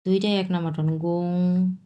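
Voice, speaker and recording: A woman's voice: medium pitch, darkish tone. Patient woman teaching Chinese. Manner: patient, repeats words slowly and breaks them into tones. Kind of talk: language lesson explaining vocabulary.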